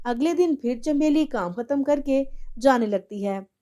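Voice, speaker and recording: A woman's voice: high-pitched, a little slow. Woman narrating a cartoon story. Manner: plain, steady storytelling.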